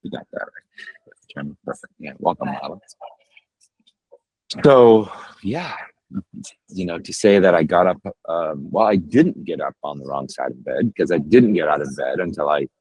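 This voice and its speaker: A man hosting a group video call, sharing candidly and emotionally, halting and pausing often. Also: deep voice, expressive, darkish tone, slightly rough, no echo, low-quality recording. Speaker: host of a morning group call.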